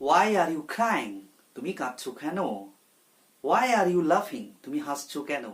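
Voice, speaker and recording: Man drilling English words slowly. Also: on the high side, lively intonation, a bit bright. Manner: repeats each word slowly, drilling its pronunciation. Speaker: English tutor. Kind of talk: pronunciation lesson.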